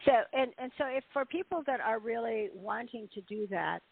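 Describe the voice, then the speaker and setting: Gravelly, husky moderator on a phone line. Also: medium pitch, lively intonation, normal speed, no echo. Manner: frequent brief acknowledgements, questioning. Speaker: call moderator asking questions. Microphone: phone call. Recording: dry, tinny phone line.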